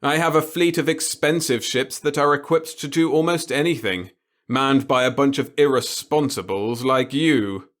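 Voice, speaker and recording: In this sci-fi audiobook role, the male narrator plays an old tyrant of a boss, pitching up a little brightly and pushing down on every phrase with light acting at normal speed. Exasperated, he gloats and lectures with open glee, browbeating his listener.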